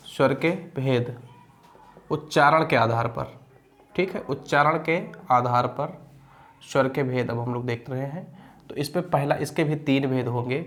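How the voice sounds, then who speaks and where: A young male teacher giving an exam-prep grammar lesson, repeating key phrases, checking in with listeners, and reciting rules slowly. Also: mid-range voice. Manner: recites Sanskrit sutras slowly.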